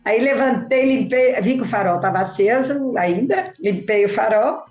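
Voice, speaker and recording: A woman telling a story in casual chat, animated and acting out quoted dialogue. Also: fairly high pitch, moderate pace, soft background music. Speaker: podcast guest. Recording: echoey room, slightly dull sound.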